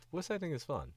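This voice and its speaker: His voice is fairly high in pitch with a darkish tone, though being sick has dropped it lower, and there's no echo. He's a voice actor from the Southern United States with a Southern accent, chatting casually on a stream. He rambles, gets distracted and chuckles often.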